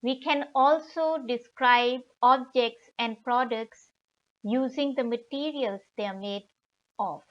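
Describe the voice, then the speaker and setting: A woman teaching German vocabulary in a tutorial, pausing often and sounding out each German word with care. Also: on the high side. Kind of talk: slow, deliberate tutorial explanation. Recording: slightly dull lo-fi recording.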